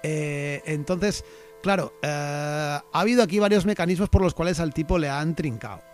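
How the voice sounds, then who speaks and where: A man's voice: fairly high pitch, moderate pace, faint music behind. A man hosting a casual satirical podcast, joking and rambling with lots of fillers and restarts. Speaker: podcast host.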